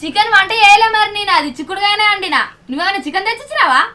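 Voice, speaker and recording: A woman's voice: extremely high pitch, lively intonation, racing, sharp tone, exaggerated voice. An actress with a Telangana accent playing a fed-up village wife who scolds her drunk husband. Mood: coaxing. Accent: Telangana Telugu. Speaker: actor in a village comedy drama.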